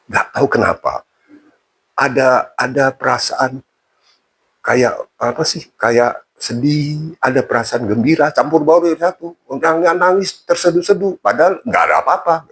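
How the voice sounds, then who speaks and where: A man's voice: mid-range voice, normal speed, a bit bright, breathy edge. A man telling a personal story casually in an interview, with frequent fillers and restarts. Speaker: interview guest.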